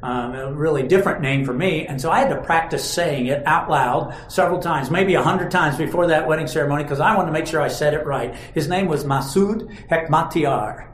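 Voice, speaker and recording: A man's voice: on the high side, fairly quick, hardly any pauses. A man preaching a sermon, telling stories dramatically and acting out quoted lines. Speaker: pastor. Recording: roomy echo.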